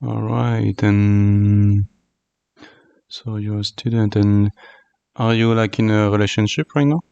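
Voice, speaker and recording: A man hosting a casual podcast interview, asking his questions in a tentative, halting way. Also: lowish voice, fairly even intonation, vocal fry, dark tone, clear, resonant tone, no echo, highs cut off.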